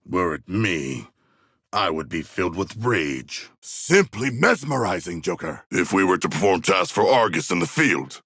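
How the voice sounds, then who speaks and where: Gravelly, grandiose shark demigod warrior. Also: male voice, deep voice, sing-song, unhurried, fairly bright tone, no echo, studio quality, exaggerated voice. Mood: measured, thoughtful. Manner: formal, stately, grandiose diction. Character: proud regal shark demigod warrior, formal and earnest. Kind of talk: video game character voice lines.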